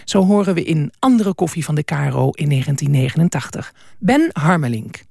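A presenter's voice introduces archive clips in a calm, informative way. The sound is dry and close, with a middle pitch. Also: fairly quick, gravelly, dry recording. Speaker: radio presenter. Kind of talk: scripted radio presentation.

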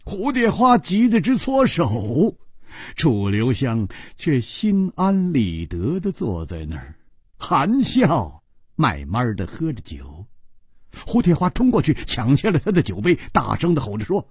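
Husky, lively male storyteller. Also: mid-range voice, a little slow, dry recording, clean studio sound. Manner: lively, expressive narration. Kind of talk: Chinese storytelling narration.

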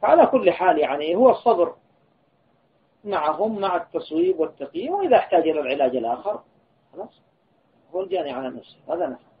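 A man's voice: high voice, big pitch swings, fast talker, long pauses, husky. A man, an Islamic scholar, giving an earnest religious lesson and telling a personal story of admonition. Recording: tinny lo-fi phone-like recording, faint hiss.

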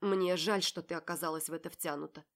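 A cold, commanding young man in an audiobook, as a woman reader puts him on. His lines come curt and mocking, pressing and accusing. The voice sits slightly low. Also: fairly even intonation, brisk, close to an everyday voice. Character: cold self-assured predatory young man. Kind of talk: audiobook character voice.

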